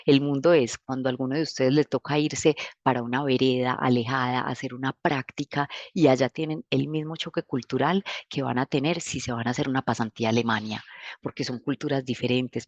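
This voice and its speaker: A man's voice: medium pitch, no room sound. Antioquian guy giving a speech to students, lots of "eh" fillers, muffled dry audio. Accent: Antioquian Colombian Spanish. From Antioquia, Colombia. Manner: earnest, with frequent filler hesitations. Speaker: university international relations official. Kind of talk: formal address to students.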